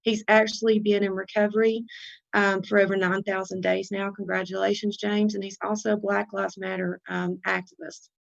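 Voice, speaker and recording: A woman's voice: mid-range voice, flat delivery, normal speed, creaky, muffled recording. A woman introducing guests at a virtual town hall, earnest and stumbling at times. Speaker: town hall moderator and candidate.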